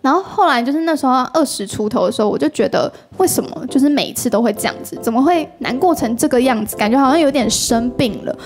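A woman's voice: sits high, quick pace, few pauses, faint music behind. A woman with a Taiwanese Mandarin accent, a talk show guest telling a story casually and acting out the voices of the people in it. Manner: animated, acts out quoted dialogue.

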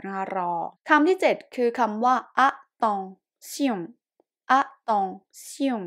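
A woman from Thailand gives a French pronunciation lesson in a fairly high voice. She says each word slowly and repeats it with patience, in a polite, gentle teaching tone. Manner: slow, patient word-by-word repetition.

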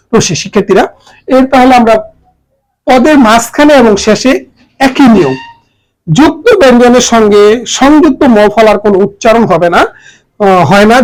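A teacher giving a grammar lesson to students, saying each example word twice in a slow, careful way. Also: medium pitch, low-quality recording.

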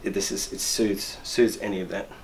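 A man's voice: lowish voice, flat delivery, normal speed, a little hiss or hum. A middle-aged man, a barber, explaining a trim and shave step by step as he works, often restarting and repeating words, in a barber shop. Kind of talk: step-by-step grooming demonstration.

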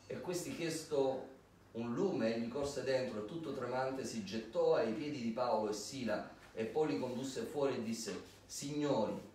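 A male pastor reading scripture aloud and then preaching from his own life, in a sermon. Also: medium pitch. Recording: very echoey hall, voice from far off, faint noise.

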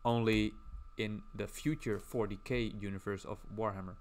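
A man's voice: on the low side, fairly even intonation, normal speed. A man streaming casually as he draws, rambling and chatting while reading out viewer messages. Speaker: livestreamer.

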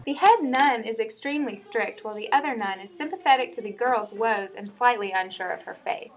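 A woman reading a scripted news voice-over in an even, read-aloud way. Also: a little high, a little fast, low-quality recording.

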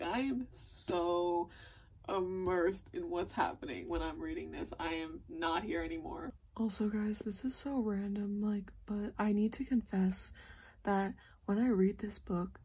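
A woman talks straight to camera in a loose, gushing chat, leaning on likes and ums. Her voice is breathy and a little husky, and she takes her time. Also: mid-range voice, a little mellow. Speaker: book vlogger. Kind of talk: casual chat.

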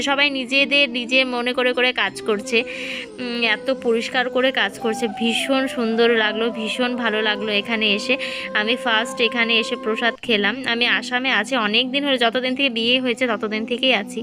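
Chatty woman vlogger, slightly high voice. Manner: chatty, talks straight to viewers as friends. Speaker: lifestyle vlogger. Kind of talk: casual vlog narration. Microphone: handheld phone camera.

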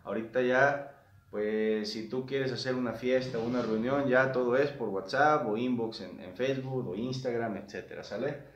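A man teaching English to children, repeating words slowly and patiently in a classroom-lesson style. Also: medium pitch, highs cut off. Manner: slow, repetitive drilling of words. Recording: roomy, distant from the mic.

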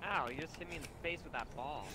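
A man's voice: a little high, quick pace, very noisy. A man chatting casually as he plays a video game with others. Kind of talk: casual gaming chat.

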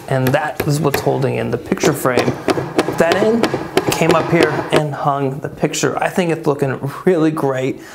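A man in his thirties gives an upbeat, chatty woodworking shop update for his channel from a furnished room. His voice is gravelly and a little high.

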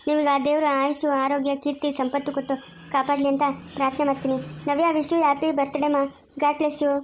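A woman's voice: high-pitched, flat delivery, brisk, slight background noise. A woman greeting viewers, then acting several roles in an amateur family drama.

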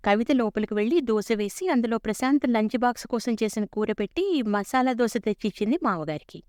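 Clear-voiced woman reading a story. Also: fairly high pitch, darkish tone, no room sound, studio quality. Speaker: story narrator. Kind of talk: scripted story narration.

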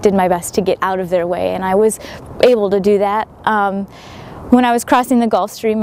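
A woman's voice: medium pitch, a little mellow, slight background noise. Reflective young woman at a marina. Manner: earnest, reflective, with frequent fillers and restarts. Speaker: sailor and writer. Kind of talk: interview answers. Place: outdoors at a marina.

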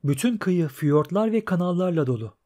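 A man reading the part of a learned young female poet, explaining things in an even, plain manner. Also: high voice, moderate pace. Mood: patient.

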